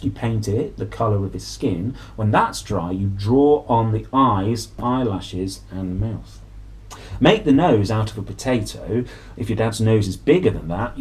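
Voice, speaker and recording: On a low-quality recording, a man with a medium-pitched, darkish voice narrates a children's story. His reading is expressive and playful, full of dramatic emphasis.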